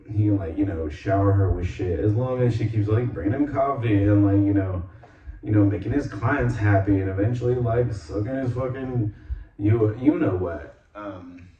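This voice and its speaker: A man hosting a podcast, recapping a movie in a rambling casual way, full of filler words and quick acted-out quotes. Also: on the low side, mellow. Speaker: podcast host reviewing a movie. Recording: roomy, distant, dull lo-fi sound.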